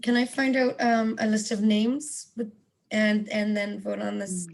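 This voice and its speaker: A woman's voice: mid-range voice, level tone, a little slow, creaky. A woman taking minutes in a meeting who reads out the wording of a motion carefully. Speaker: committee member taking minutes. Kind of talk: meeting discussion.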